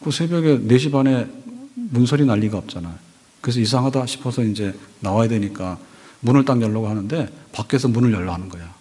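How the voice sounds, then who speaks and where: A male pastor gives a Sunday sermon in a plain, mid-pitched voice. He talks to the congregation casually, building his points through stories and asking them questions. His voice carries a long reverb from the church sanctuary. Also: fairly quick, dark tone, husky. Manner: conversational preaching with anecdotes and rhetorical questions.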